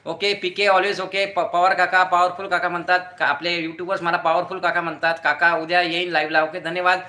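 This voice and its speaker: A man's voice: sits high, little pitch movement, a little fast, reverberant. A middle-aged man hosting a casual live stream at home, reading viewer comments aloud and greeting each viewer by name. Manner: chatty, greets viewers by name, thanks them warmly. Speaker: YouTube live-stream host. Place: home room beside his front door.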